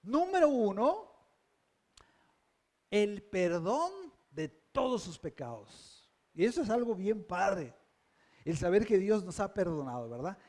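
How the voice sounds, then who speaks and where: A man's voice: high voice, big pitch swings, slow, long pauses, a little mellow. A man preaching a sermon as pastor, emphatic and often putting questions to the congregation.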